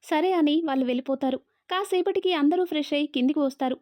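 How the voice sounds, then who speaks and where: A woman narrating a scripted story in a steady, even way. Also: sits high, fast, dry recording. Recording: dull, dry lo-fi audio.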